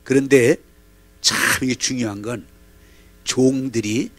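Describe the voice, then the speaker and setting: A man's voice: mid-range voice, measured pace, dry recording. A male pastor preaching a sermon dramatically and having the congregation repeat his lines. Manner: animated, dramatic, leads call-and-response. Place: church.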